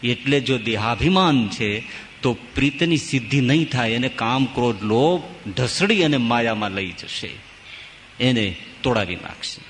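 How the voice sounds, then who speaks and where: A man's voice: medium pitch, animated, unhurried, a bit bright. A man, a swami, giving a sermon on scripture, telling stories with emphatic, rising and falling delivery. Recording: long hall reverb with faint ambient noise.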